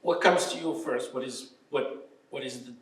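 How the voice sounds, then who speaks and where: A man's voice: medium pitch, fairly bright tone. A man leads a panel discussion. His phrasing stumbles and repeats as he gathers his thoughts. He is picked up from across a roomy hall with a faint hum behind him. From Morocco. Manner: halting, repeats words while searching for phrasing. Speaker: discussion moderator. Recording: echoey room from far off with faint background hum.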